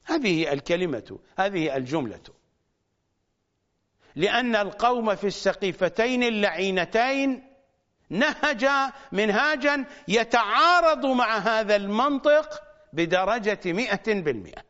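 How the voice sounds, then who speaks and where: Guy giving a sermon, high voice swooping all over, drags words out and repeats them hard, kinda muffled lo-fi audio. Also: expressive, a bit bright. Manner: emphatic, repeating phrases with rising stress; slow, drawn-out words for emphasis. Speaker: preacher. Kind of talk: religious sermon. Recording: dull lo-fi recording.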